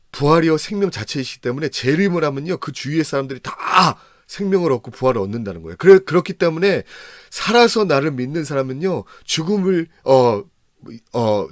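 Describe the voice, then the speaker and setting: Halting man teaching a Bible lesson. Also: on the high side, no echo, studio quality. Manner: halting, many restarts and fillers; acts out quoted speech. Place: church.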